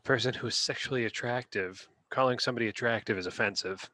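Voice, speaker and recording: A man's voice: mid-range voice, fast talker, sharp tone, no room sound, studio quality. A man co-hosting a podcast, rating dictionary words in casual chat and reading definitions aloud in a playful, rambling way. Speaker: podcast co-host.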